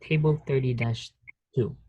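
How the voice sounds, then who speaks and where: A man giving an online nursing lecture through a headset mic on a video call, speaking haltingly with many fillers and restarts. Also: mid-range voice, fairly even intonation, darkish tone, slightly rough, no echo, dull audio. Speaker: nursing professor. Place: office.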